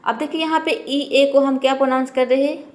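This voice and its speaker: A woman teaching English pronunciation rules, patiently asking and answering her own questions and repeating each word slowly. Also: high-pitched, steady tone. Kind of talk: spoken lesson on pronunciation rules.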